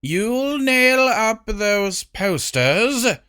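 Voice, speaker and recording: A man voicing a haughty, menacing evil queen with a sharp, commanding manner in a storybook reading. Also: high-pitched, big pitch swings, very slow, clear, resonant tone, voice pushed up, exaggerated voice.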